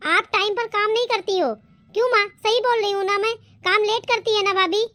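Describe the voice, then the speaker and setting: A scheming sister-in-law in a cartoon, voiced by a woman in a very high, thin register. She wheedles and plays the wronged victim, with a dry, close sound. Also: steady tone, fairly quick, pushed and bright, no room sound. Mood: needling.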